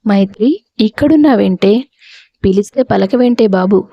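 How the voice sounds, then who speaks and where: A woman's voice: medium pitch, normal speed, gravelly, slightly rough, no echo, dull audio. A woman voicing an outspoken young woman friend who worries over her crying roommate. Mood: concerned. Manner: outspoken, teasing. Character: young woman, blunt caring hostel friend.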